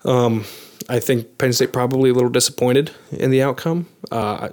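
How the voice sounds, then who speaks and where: A man's voice: medium pitch, fairly even intonation, moderate pace, a little mellow. A man co-hosting a sports podcast, breaking down results analytically with frequent "um" and "you know" fillers. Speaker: podcast co-host.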